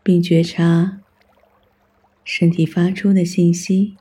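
Casting: calm guided-meditation narrator, soft mellow tone, very even and level pitch, unhurried scripted instructions with generous pauses. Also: husky. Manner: calm, soothing, instructional delivery with long pauses.

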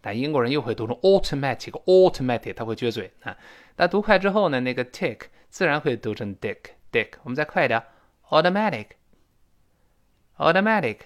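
A man's voice: mid-range voice, expressive, fast talker. A man teaching a spoken English lesson, explaining pronunciation and modeling phrases for learners to repeat.

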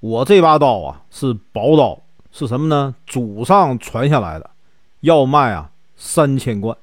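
A man's voice: mid-range voice, animated, measured pace, no echo, clean studio sound, voice pushed down, close to an everyday voice. A man voicing a proud, down-on-his-luck warrior who speaks firmly. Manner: firm, proud.

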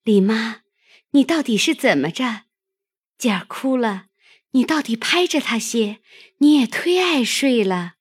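A woman voicing a loyal, gentle young maid who coaxes and soothes her mistress. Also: on the low side, expressive, slightly rough, no room sound. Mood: urgent. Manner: coaxing, raised and quick when calling out. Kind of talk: audiobook character reading.

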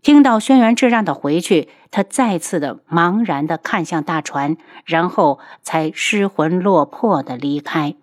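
Female audiobook narrator, lowish voice, even storytelling pace. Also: a little slow, few pauses, dry recording, clean studio sound.

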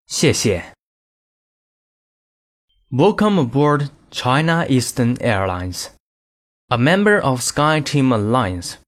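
A man reading scripted in-flight cabin announcements in a formal, measured announcer manner. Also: mid-range voice, very animated.

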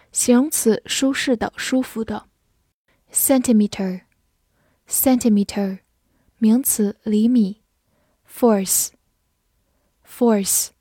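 Slow, mellow woman reading vocabulary. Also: fairly high pitch, slightly rough, dry recording, studio quality. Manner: says each word twice slowly, then calm definitions. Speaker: English vocabulary teacher.

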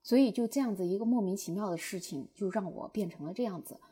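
A young woman telling viewers a personal story in a lively way, acting out her own past outbursts. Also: mid-range voice, fast talker, breathy edge. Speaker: short-video creator.

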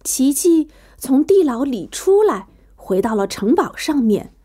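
A woman tells a children's story in a high voice that leaps up and down in pitch. Her tone is soft and mellow rather than bright, and her reading is playful and expressive over gentle background music. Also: a little slow, breathy edge. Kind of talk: children's bedtime story narration.

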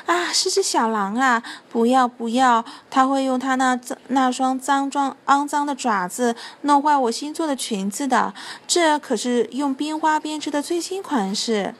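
A woman's voice: high voice, normal speed, hardly any pauses. A woman doing a gushing, vain storybook fairy. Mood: dismayed. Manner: bright gushing greeting, fussy.

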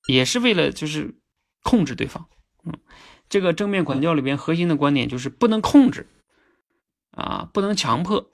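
A man hosting a casual livestream, chatty and earnest, often checking in with listeners through quick tag questions. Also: a little high, vocal fry. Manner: earnest, sometimes emphatic. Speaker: livestream host.

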